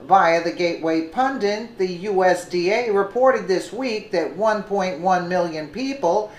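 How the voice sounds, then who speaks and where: A woman hosting a news commentary segment, reading her script deliberately and correcting herself now and then. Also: lowish voice, reverberant, low-quality recording. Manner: slow, deliberate reading with an occasional self-correction.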